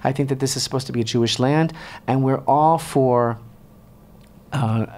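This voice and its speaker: A man's voice: medium pitch, normal speed, a little mellow. A man hosting a talk radio show, speaking with fervent indignation and firing off rhetorical questions. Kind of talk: impassioned talk radio commentary. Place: radio studio.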